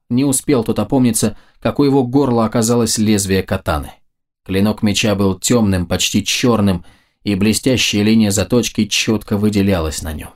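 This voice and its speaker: A man narrating a first-person fantasy audiobook in a measured, even way. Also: fairly low pitch.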